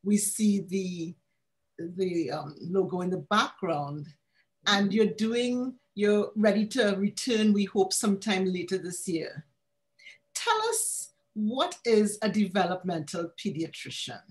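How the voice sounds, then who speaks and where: A woman from Trinidad and Tobago with her local accent hosts a health talk. She speaks in a chatty way at a middle pitch and laughs easily. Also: takes it slowly. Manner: warm, chatty, laughs often. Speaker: pediatrician and host. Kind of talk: online health talk interview.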